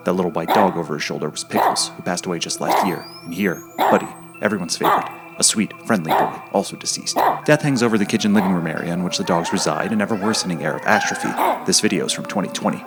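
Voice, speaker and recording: A man narrating his own documentary in a dry, wry, mock-serious voiceover. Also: deep voice.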